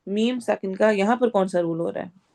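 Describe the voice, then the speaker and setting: A woman's voice: mid-range voice, creaky, darkish tone. A woman teaching recitation in an online class, in a firm, corrective teacher's tone. She breaks each phrase into syllables and explains every rule in turn, carefully and methodically.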